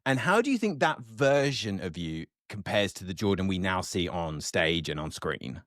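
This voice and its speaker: A man hosts a casual podcast interview in an earnest, conversational way. His pitch moves around a lot as he talks, and the recording is dry and close. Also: sing-song, normal speed, a bit bright, no room sound. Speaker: podcast host.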